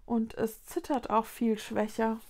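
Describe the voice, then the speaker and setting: A woman's voice: a little high, little pitch movement, unhurried, a little mellow. A woman reading a children's storybook aloud, voicing a worried young girl magician who asks anxious questions.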